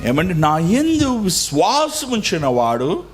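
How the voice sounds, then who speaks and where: A man preaching a sermon as pastor, swinging between loud exclamations and soft low phrases and slowing down to stress words. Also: wildly swooping pitch.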